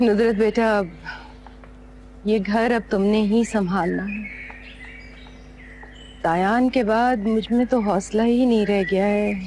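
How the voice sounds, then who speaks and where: An actress as a grave, gentle Pakistani mother. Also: medium pitch, steady tone, slow, pauses often, close to an everyday voice. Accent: Pakistani Urdu. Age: middle-aged. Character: gentle, grave middle-aged mother advising her children. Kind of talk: TV drama acting. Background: background music.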